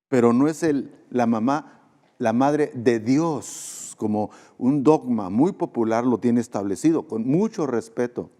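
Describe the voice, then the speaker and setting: Mexican pastor guy preaching, mellow dark voice, lots of hall reverb, earnest and repeats stuff for emphasis. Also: mid-range voice. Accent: Mexican Spanish. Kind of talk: sermon. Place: church sanctuary. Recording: long church hall reverb.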